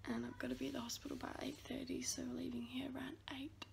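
A woman's voice: high-pitched, little pitch movement, fast talker, gravelly, background noise. A young woman whispering a nervous early-morning vlog on her phone.

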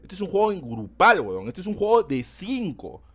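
A man chatting loudly on a game stream, excitable and swearing often. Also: sits high, moderate pace, slightly rough. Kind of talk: casual stream chat.

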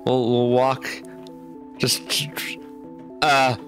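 A man's voice: medium pitch, little pitch movement, very slow, a bit bright. A man commentating on his game playthrough, nervous and anxious, repeating himself as he goes. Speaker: gamer, channel host. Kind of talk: let's play commentary. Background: game music.

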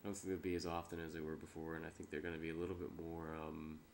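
A young man who is sick with a stuffy nose, giving a low-key, hesitant, rambling vlog update into a webcam. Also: completely flat delivery, quick pace, vocal fry, a little hiss or hum. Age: young adult. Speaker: vlogger and amateur filmmaker. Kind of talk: casual, unscripted update vlog. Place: small room indoors. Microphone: webcam or laptop mic at arm's length.

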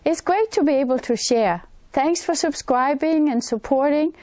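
Seated indoors before a wintry forest backdrop and framed from the shoulders up, a Danish channel host in her sixties talks directly to camera. Her English carries a Danish accent and comes out earnest, plain, and a bit halting, in a high, mellow voice with no audible room sound.

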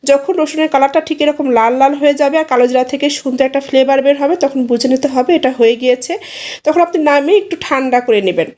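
A woman giving a step-by-step instructional voice-over, steady and explanatory, speaking directly to viewers. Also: high-pitched, quick pace. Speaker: home tips vlogger.

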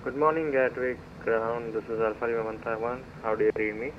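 A man working as a pilot, calling ground control over an aviation radio in a measured way with brief hesitations. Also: mid-range voice, steady tone. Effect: heard over an aviation radio. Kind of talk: radio phraseology. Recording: dull radio audio with faint hiss.

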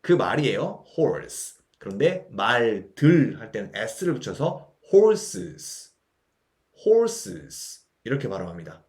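A male English teacher who takes his time, saying each word slowly and patiently. His voice rises and falls a lot, carrying the rhythm of a language lesson. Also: mid-range voice, sing-song. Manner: slow, patient explaining, repeating words for practice.

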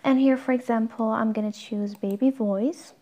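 Woman kinda high voice walking thru app steps one tap at a time. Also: fairly even intonation, normal speed, dark tone. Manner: plain instructional, talks through each tap. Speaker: tutorial host. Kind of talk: step-by-step app tutorial.

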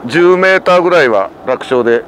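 A fishing show host and angler, a man with a fairly high, lively voice, talks a little fast as he mutters reactions and explains things casually. He's outdoors on an open boat at night. The recording is noisy, with wind and boat sounds in the background.

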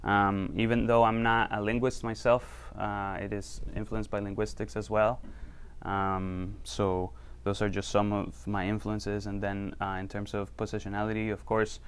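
Speaking in a lowish, smooth voice with little pitch movement and a normal pace, this Costa Rican university researcher talks through his research for a small lecture-room crowd. His delivery is relaxed and chatty, full of fillers.

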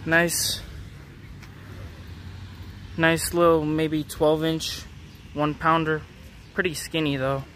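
A young man's slightly high, somewhat bright voice narrates his fishing catches in a casual vlog filmed on a handheld phone. He is outdoors beside a city pond. There is slight background noise.

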